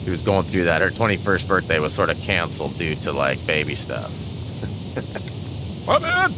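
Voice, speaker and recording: A man's voice: deep voice, huge pitch swings, moderate pace, noisy background. A man in his forties chatting casually over gameplay as a channel host, rambling with many fillers and frequent chuckles. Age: 40s.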